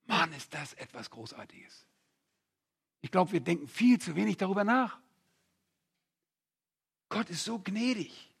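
A male preacher with a high-pitched voice that is gravelly and worn hoarse. He swings from low, hushed stretches to loud, fervent outbursts as he preaches. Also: very animated, unhurried, pauses often. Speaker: pastor. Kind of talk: sermon.

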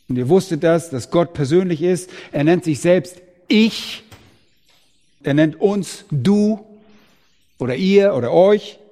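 A man preaching a sermon, swinging from loud proclamation to hushed low tones. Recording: long reverb of a large hall.

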